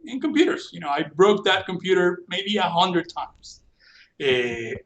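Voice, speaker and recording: A middle-aged Venezuelan man, a native Spanish speaker with a Venezuelan accent, casually tells his story as a podcast guest; he works in computer forensics. His voice is high and sing-song, his pace measured, and the audio sounds dull.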